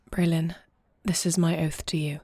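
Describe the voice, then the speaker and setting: In a scripted audio drama, a woman voices an earnest young princess, adopted and now leading her people in war, in full character. Her low, mellow voice carries a gravelly edge, and she speaks formally and solemnly with deliberate, measured, regal phrasing. The recording has no echo.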